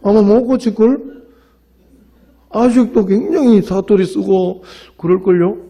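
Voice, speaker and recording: A male pastor with a Gyeongsang accent preaches an evening sermon in a church. His voice sits somewhat high, and he tells stories and then turns to the congregation with rising, emphatic questions. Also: a little slow, mellow. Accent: Gyeongsang Korean. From Gyeongsang region of Korea. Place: church sanctuary.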